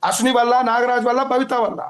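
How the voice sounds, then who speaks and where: A man with a Telugu accent talks in a high, rapid rush. He repeats himself as he hurries to lay out his complaint to the interviewer. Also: little pitch movement. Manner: urgent, repetitive, rushing to explain. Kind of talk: agitated phone-in complaint.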